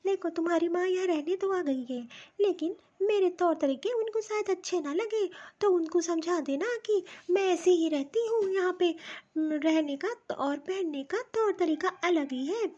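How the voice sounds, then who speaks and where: A woman's voice: very high-pitched, moderate pace, hardly any pauses, dark tone. A woman voicing a modern, touchy young daughter-in-law from the city in a cartoon story, talking in a curt, complaining way. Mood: irritated. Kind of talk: cartoon voice acting. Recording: dull, dry lo-fi recording.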